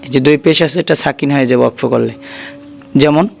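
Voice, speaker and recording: A man's voice: mid-range voice, steady tone, fast talker, creaky, faint music behind. A Bangladeshi man with a Bengali accent teaching Quran reading, spelling out syllables one by one and then chanting them together. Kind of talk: letter-by-letter Quran spelling lesson.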